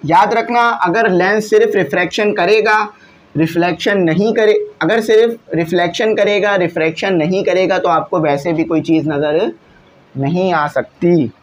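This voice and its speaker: Male teacher, high register, patient classroom explainer. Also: normal speed. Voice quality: glasses wearer. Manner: explains patiently, often checks in with "theek hai". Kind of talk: classroom lesson solving exam questions.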